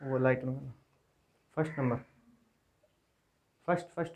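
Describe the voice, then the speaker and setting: A man teaching a geography class in a casual lecture style. He dictates lists and repeats each name slowly for his students. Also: medium pitch, a little mellow. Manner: talks informally to students while teaching. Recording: dull lo-fi classroom recording.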